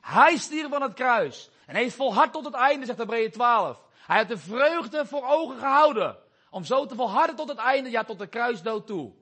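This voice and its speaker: A man with a fairly high, husky voice preaches a sermon. He talks earnestly and quotes scripture, now swelling louder, now dropping low. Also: expressive, moderate pace. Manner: earnest, quotes scripture, rises and drops in volume.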